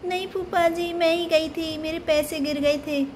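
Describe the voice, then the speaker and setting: Whiny little girl doll in a doll story, woman voicing, very high, noisy recording. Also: fairly even intonation, moderate pace, a little mellow. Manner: whiny, pleading. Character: small timid girl doll.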